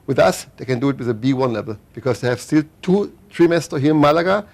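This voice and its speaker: Middle-aged German-accented man, rapid run-on talker with restarts, gravelly texture. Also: medium pitch, lively intonation, darkish tone. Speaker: interview guest. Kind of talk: casual interview.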